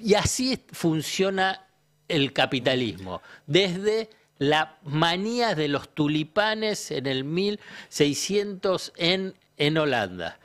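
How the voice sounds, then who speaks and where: A man with an Argentine accent explains economics on a talk show in a patient, teacher-like way, asking himself questions and then answering them. His voice sits slightly high for a man and rises and falls in a very lively way. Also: takes it slowly. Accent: Argentine Spanish. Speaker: economist guest.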